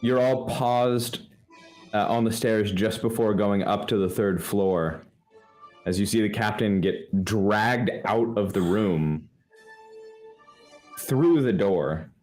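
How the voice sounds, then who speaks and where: A man narrating a tabletop game as game master, with halting restarts. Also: fairly low pitch, a little mellow, soft background music.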